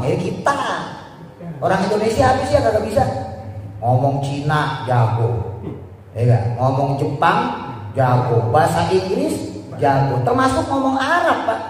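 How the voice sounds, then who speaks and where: A man's voice: on the high side, a little hiss or hum. A man, a religious teacher, gives a kitab study lesson in a casual, joking way, reading Arabic phrases and translating them one by one for the listeners. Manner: joking, talks directly to the listeners. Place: large hall for a public religious gathering. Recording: echoey hall from far off.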